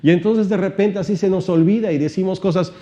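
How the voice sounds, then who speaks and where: A man giving an animated seminar-style teaching talk, shifting his volume and pitch and asking many rhetorical questions. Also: quick pace. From Mexico. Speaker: motivational trainer.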